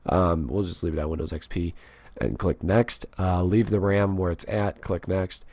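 A man with a cold and sore throat, hosting a casual software tutorial with many fillers. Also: deep voice, steady tone, normal speed, dry recording. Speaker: tech tutorial host.

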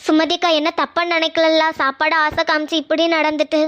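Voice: high-pitched, flat delivery, brisk, fairly bright tone. A voice actor playing an apologetic village neighbor woman in a cartoon. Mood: worried. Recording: dull lo-fi audio.

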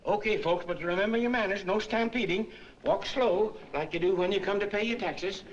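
Fussy, harried mayor. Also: male voice, high voice, fairly quick, a little hiss or hum. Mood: bossy. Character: harried male small-town mayor. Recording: dull 1940s film soundtrack.

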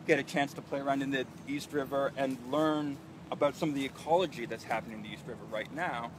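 A fast-talking man in his thirties, an urban farm manager, walks through an outdoor vegetable garden on a live guided tour, pointing at plants and explaining the crops with easy enthusiasm. His voice is medium-pitched with fairly even intonation. A phone a few feet away records him as insects and distant traffic hiss steadily behind.

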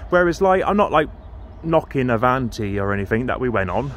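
A man's voice: medium pitch, sing-song, fairly quick, a bit bright, a little hiss or hum. Man, casual vlog, chatty, rambling, phone camera, outdoor platform. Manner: chatty, rambling, repeats himself with fillers. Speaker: train vlogger. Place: outdoor railway station platform at dusk. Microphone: handheld phone camera.

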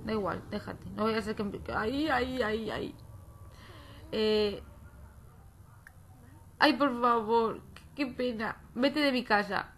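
A woman's voice: fairly high pitch, a little hiss or hum. Chatty woman commenting a game. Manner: chatty, exclaiming and scolding the game. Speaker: gaming YouTuber.

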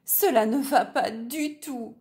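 A grumpy big storybook wolf, as a woman puts him on, crying out in dismay, his voice climbing higher than her narration. He speaks slowly and with emphasis. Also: darkish tone. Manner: exclaiming in dismay.

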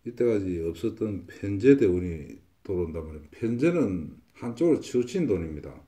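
A man gives a fortune-telling consultation, confidently stating predictions and repeating himself. His voice is on the low side and dark in tone, brisk, with big pitch swings.

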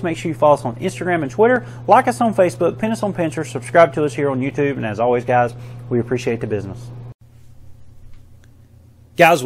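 A man in his forties presenting a casual instructional video, addressing viewers in a direct, informal way. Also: a little high. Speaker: dive shop presenter. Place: small indoor dive shop room. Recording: faint steady background hum.

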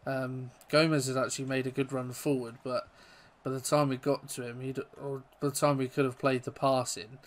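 A man giving chatty live commentary over his own football video game, self-deprecating and bursting into excitement at goals. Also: mid-range voice, normal speed, hardly any pauses. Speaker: gaming YouTuber.

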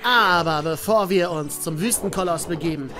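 A woman's voice: fairly low pitch, normal speed, over music. A woman commenting on her own video game play in a chatty way, talking to her viewers and cursing the enemies. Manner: chatty, addresses viewers as "ihr Lieben", mild swearing at enemies. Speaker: let's player.

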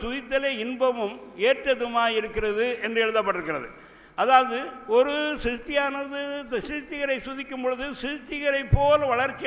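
An older male pastor preaches a sermon in a voice that sits very high and rings bright. He works slowly through scripture and reads verses aloud into desk microphones. A long hall reverb trails after his words. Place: church conference stage, indoors. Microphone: two desk microphones.

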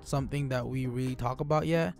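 A man's voice: mid-range voice, fast, faint music behind. Young man in his twenties, laid-back chat. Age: 20s. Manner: relaxed, joking, filler-heavy talk. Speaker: co-host of a couple's channel. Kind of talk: casual Q&A chat. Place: small home studio room. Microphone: studio microphone on a stand, close.

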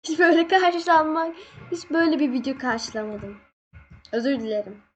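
A young woman casually commenting on her gameplay, excitable, laughing and yelping when scared. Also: sits high, normal speed, dull audio, a little hiss or hum. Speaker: gaming channel host.

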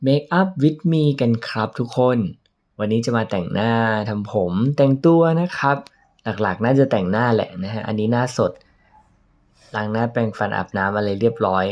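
A man's voice: lowish voice, moderate pace, darkish tone. A man chatting casually through an everyday makeup routine in a vlog, playful and joking at his own expense. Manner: playful, chatty, laughs at himself. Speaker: makeup vlogger.

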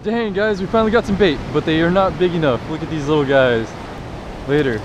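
A young man filming a fishing vlog on a beach, talking to viewers in a joking, excitable way. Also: on the high side, brisk, muffled recording. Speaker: fishing vlogger. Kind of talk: casual excited vlog commentary. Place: beach by the surf, outdoors. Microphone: action camera. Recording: wind and surf noise.

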